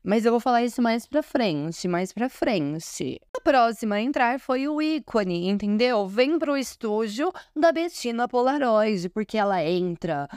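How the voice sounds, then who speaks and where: A woman's voice: a little high, expressive, measured pace, few pauses, a little mellow, smooth, no room sound, studio quality. A woman podcast host with a Brazilian Portuguese accent, chatting in an effusive, gushing fan recap full of fillers. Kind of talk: casual fan recap commentary.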